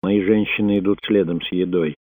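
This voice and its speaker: A man voicing a solemn, guarded old male sorcerer in an audiobook, speaking in a grave, measured way. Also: sits low, steady tone, a little mellow. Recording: dry, phone-like narrow sound.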